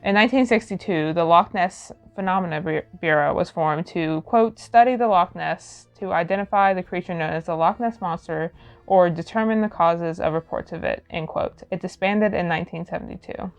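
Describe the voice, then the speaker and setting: A woman's voice: lowish voice, normal speed, highs cut off, faint music behind. A young woman co-hosting a podcast, chatty and giggly as she reads out her research notes. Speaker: podcast co-host presenting research. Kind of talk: casual podcast chat. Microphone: studio mic.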